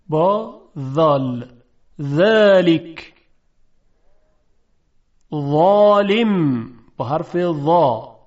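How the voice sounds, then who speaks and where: Male teacher with a slightly high voice, quick explanations, slow repeated recitations, lo-fi sound. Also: a little mellow. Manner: slow, drawn-out recitation of example words; fast explanatory talk between examples. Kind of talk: pronunciation lesson. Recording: dull lo-fi recording.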